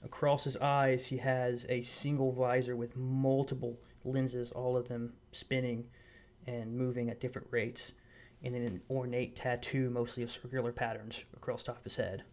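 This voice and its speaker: A man's voice: mid-range voice, level tone, a little mellow. Man narrating as game master. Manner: describes scenes in measured detail, with small restarts. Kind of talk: narrating a tabletop game over a call.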